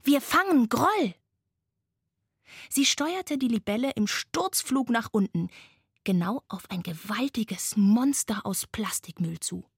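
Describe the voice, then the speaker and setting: A woman reading a bedtime story aloud as its narrator, in a soft, slow storytelling manner. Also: mid-range voice, lively intonation, husky, no echo, clean studio sound.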